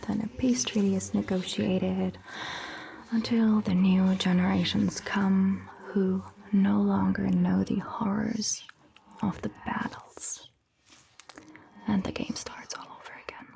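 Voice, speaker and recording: The performer, a woman doing ASMR, roleplays a vampire doctor who stays calm and attentive. She keeps to a soft, breathy whisper at medium pitch with gentle, measured phrasing, over a faint hiss or hum.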